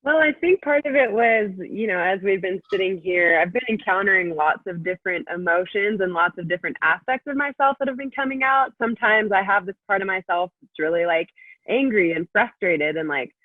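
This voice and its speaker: A woman chatting lively on a video call as a panel guest, laughing easily. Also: mid-range voice, a little fast, no echo. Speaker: panel guest, pro skier. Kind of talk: casual video-call chat. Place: indoors at home. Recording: tinny dry call audio.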